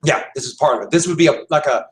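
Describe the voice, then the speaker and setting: A male history teacher gives a conversational classroom lecture in a slightly high voice, talking fast and repeating key points for emphasis. The room is echoey and the mic sits far away.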